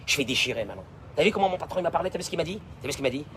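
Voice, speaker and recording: A male rabbi preaching a sermon, emphatic and repetitive, swinging between loud declarations and hushed asides. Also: a little high, animated, racing, crowd noise.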